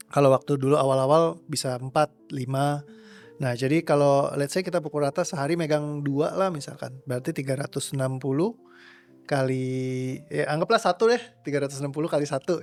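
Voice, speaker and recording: A young man talks through his coaching work in a loose, rambling way, dropping English words as he goes. His voice sits at an average pitch. Soft background music plays beneath him. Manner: relaxed, rambling, mixes English words into speech. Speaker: trauma release coach. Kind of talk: casual interview answers.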